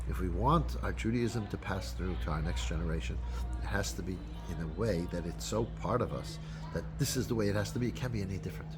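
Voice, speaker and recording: Rabbi giving a loose holiday talk, man, lowish voice, lots of restarts, faint music under it. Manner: unscripted, halting, with many restarts.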